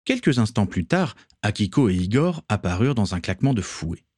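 Low-voiced male storybook narrator. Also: dry recording, clean studio sound. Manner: even, measured reading. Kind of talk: storybook reading.

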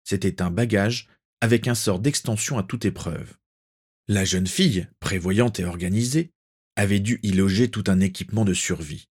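A man narrating a fan-fiction story aloud in a measured, dramatic storytelling way. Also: fairly low pitch, darkish tone, husky.

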